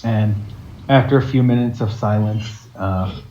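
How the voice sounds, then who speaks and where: Low mellow guy running the game, lots of ums, muffled echoey sound. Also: measured pace. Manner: hesitant, with frequent fillers. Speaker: game master. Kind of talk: narrating a tabletop game. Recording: dull echoey recording with background noise.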